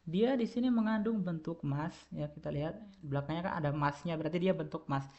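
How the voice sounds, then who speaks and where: A man's voice: a little high, fairly quick, dark tone. A man teaching a Japanese grammar lesson, speaking Indonesian as his first language, patiently repeating each word with many filler sounds. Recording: dull lo-fi recording.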